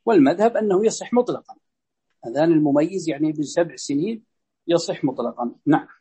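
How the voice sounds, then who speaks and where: A man teaching a religious lesson, explaining a legal text in a measured way and saying sample pronunciations aloud. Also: a little high, animated, dark tone, husky.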